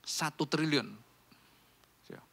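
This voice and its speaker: A middle-aged man preaching a sermon in a church, chatty and animated, often asking the congregation questions. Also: fairly high pitch, slow, gravelly. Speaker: pastor. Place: church sanctuary.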